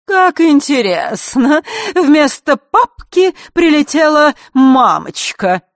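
A woman voicing a villainous female clockmaker who taunts and shouts in a high, strained voice. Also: sing-song, slow, dry recording, clean studio sound, exaggerated voice. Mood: mocking. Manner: taunting, shouting, sing-song.

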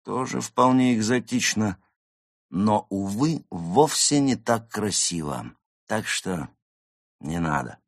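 A man's voice: on the low side, lively intonation, takes it slowly, creaky, no room sound, studio quality, pitched above the performer's own voice, exaggerated voice. A man voicing a drunk, dramatic female goose who is a stage actress, with theatrical, swooping exclamations in an audiobook. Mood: haughty. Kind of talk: audiobook character voice.

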